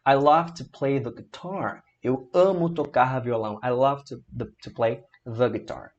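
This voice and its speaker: A man with a Brazilian Portuguese accent teaching English grammar in an online lesson. He explains each rule step by step, reads the English examples slowly, and checks in often with "tá?" and "né?". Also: medium pitch, dull audio.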